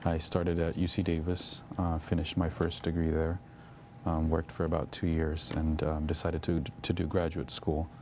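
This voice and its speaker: A man's voice: a bass voice, completely flat delivery, normal speed, darkish tone, a little hiss or hum. A young man from Eritrea, raised in Ethiopia, answering as a guest in a TV interview and talking hesitantly with many fillers.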